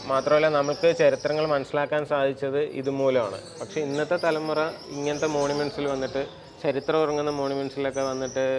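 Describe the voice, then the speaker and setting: A man with a Malayali accent, a travel vlogger explaining history as he walks outdoors around a temple. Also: a little high. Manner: explanatory, conversational with restarts. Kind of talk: walking tour commentary.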